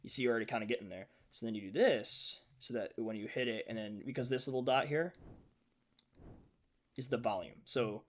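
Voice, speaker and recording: A man's voice: mid-range voice, fairly quick. A man streaming live, casually teaching sound design and thinking aloud with lots of fillers.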